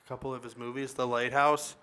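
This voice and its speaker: A man's voice: medium pitch, level tone, fast, bright, forceful tone, smooth. A man co-hosting a casual podcast chat, talking loosely with lots of fillers. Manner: chatty, lots of fillers like "dude". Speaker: podcast co-host.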